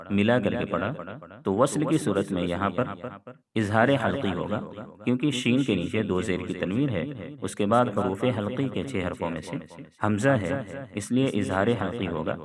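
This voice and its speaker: A man teaching Quran recitation rules step by step, calmly explaining each letter. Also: lowish voice, crowd noise. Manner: explains rules calmly, then chants verses slowly. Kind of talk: step-by-step tajweed lesson.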